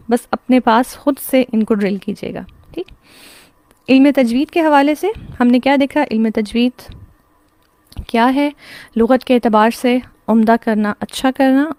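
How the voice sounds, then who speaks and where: A woman's voice: on the high side, a little mellow, dry recording. Patient Pakistani woman teaching tajweed. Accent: Pakistani Urdu. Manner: patient, explains step by step with questions and answers. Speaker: Quran recitation teacher. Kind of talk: online class lecture.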